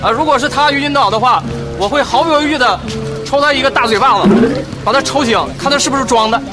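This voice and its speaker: A man's voice: very high-pitched, fast. A man playing a cheeky young trainee in a comedy skit, answering formally and with a straight-faced impudence. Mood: earnestly cheeky. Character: cheeky, obedient young male trainee cadet. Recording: loud music and crowd noise behind.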